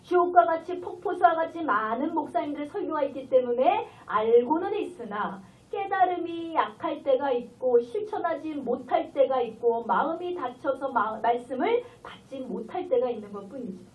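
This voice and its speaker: A woman guest pastor preaches in a high, bright voice. She tells her story with animated emotion and acts out each character's lines. The recording is distant and tinny, like a phone line. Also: normal speed, few pauses. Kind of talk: revival sermon with storytelling.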